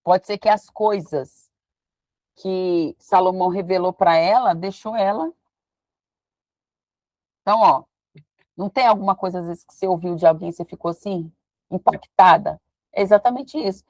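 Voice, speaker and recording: A woman's voice: fairly low pitch, moderate pace, long pauses, a little mellow, no echo. A woman, teaching a casual Bible study and thinking aloud as she reads verses. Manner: chatty, thinks aloud while reading verses.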